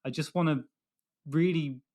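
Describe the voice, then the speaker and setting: A man's voice: fairly high pitch, heavy background noise. Enthusiastic podcast co-host man. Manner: enthusiastic, halting when moved. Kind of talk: casual chat, reading listener messages.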